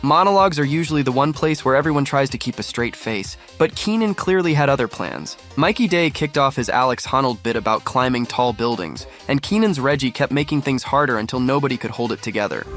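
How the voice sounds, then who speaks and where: A man's voice: mid-range voice, lively intonation, a little fast, hardly any pauses, a bit bright. A man reading scripted narration for a compilation video. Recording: music under the voice. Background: background music.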